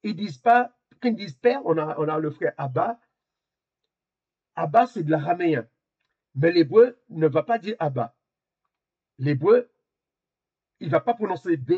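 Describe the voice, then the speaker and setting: A man's voice: on the high side, expressive, measured pace, pauses often, darkish tone, husky, lo-fi sound. A man teaching a Hebrew lesson over a video call, explaining hesitantly and repeating words as he goes. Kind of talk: online class explanation.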